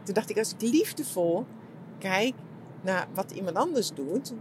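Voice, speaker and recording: A middle-aged woman talking reflectively about her retreat, soft and searching, with many fillers and restarts. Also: medium pitch, very animated, a little slow, slight background noise. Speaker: shiatsu practitioner and podcast host. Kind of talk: reflective personal monologue.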